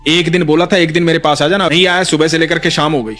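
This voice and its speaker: A man voicing an older male devotee who is devout but quick to anger, speaking earnestly and grumbling. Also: on the high side, level tone, fairly bright tone, soft background music, voice pushed up, lightly acted.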